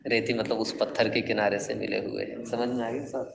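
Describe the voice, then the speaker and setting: A man's voice: on the low side, flat delivery, gravelly, noisy background. A man teaching classical Arabic poetry in Urdu to a class, explaining each verse step by step and quizzing his students with questions. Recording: echoey classroom with long reverb.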